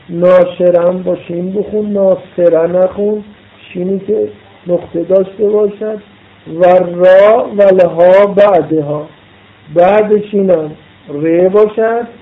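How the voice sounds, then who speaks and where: Male seminary-style lecturer, high voice, patient letter-by-letter explanations, phone-thin sound. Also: vocal fry. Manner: explains pronunciation letter by letter, repeating for emphasis. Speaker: religious studies teacher. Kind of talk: lecture reading and explaining a classical Arabic text. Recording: tinny phone-like audio.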